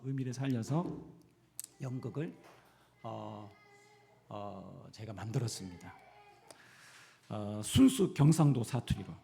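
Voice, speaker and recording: A male pastor from the Gyeongsang region preaches a sermon in church and keeps asking the congregation questions. His delivery is animated, with wide swings in pitch. His voice is dark and mellow. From Gyeongsang region, Korea.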